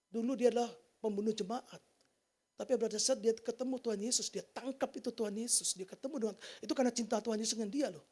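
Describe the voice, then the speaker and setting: A man giving an informal sermon testimony to a church congregation, talking in a colloquial, animated way and asking the listeners many rhetorical questions. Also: very high-pitched. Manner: colloquial, slangy delivery. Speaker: church preacher.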